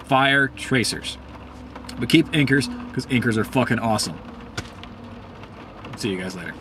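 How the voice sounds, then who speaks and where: A mid-pitched man rants in a casual, heated way, swearing often and filling gaps with ums and uhs. His voice jumps higher when he gets worked up. A faint hiss of noise sits under the recording. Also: moderate pace, a bit bright. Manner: profane, heated, rambling with many ums. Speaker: host. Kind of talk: casual ranting commentary.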